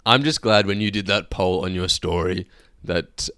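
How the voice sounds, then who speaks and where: A man's voice: deep voice, moderate pace, pushed and bright, clean tone, dry recording, clean studio sound. A man in his early twenties co-hosting a podcast, chatting casually and teasing his co-host in a playful way. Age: early 20s. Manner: teasing, playfully acts out quoted voices. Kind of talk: casual chat.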